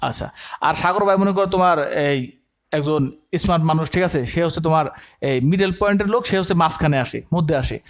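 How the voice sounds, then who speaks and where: A man with a fairly high voice speaks fast while teaching an admission coaching lecture. He dictates notes, poses questions to the class and answers them himself, repeats key terms, and explains with everyday comparisons.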